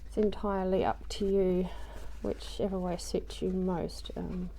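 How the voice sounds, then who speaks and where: Working on a craft project at home, this woman, a craft journaling vlogger, chats loosely with plenty of ums and self-mocking little comments, her voice newly recovered after being lost. Her pitch sits fairly low and her intonation stays fairly even as she talks unhurriedly in a dark tone. The audio is poor, with a little hiss or hum.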